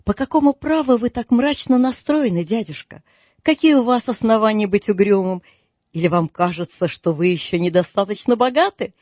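A man reading an audiobook voices a cheerful, earnest young man who talks warmly and pleads kindly. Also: sits high, moderate pace, no room sound. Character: cheerful young man, warm-hearted nephew.

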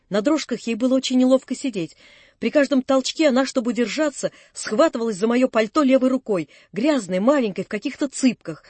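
A woman narrates a novel in a calm, measured reading voice. Her pitch sits on the higher side, and the close studio mic gives a dry sound with no room. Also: no echo. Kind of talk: scripted narration.

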